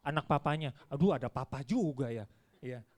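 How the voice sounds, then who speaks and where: A man's voice: mid-range voice, normal speed. A male preacher giving a sermon in a church, telling stories and acting out dialogue. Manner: animated storytelling, acts out dialogue.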